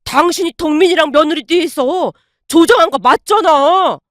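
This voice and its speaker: A woman playing a furious middle-aged ex-husband who shouts and accuses. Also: sits high, animated, brisk, dry recording, studio quality. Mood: shouting.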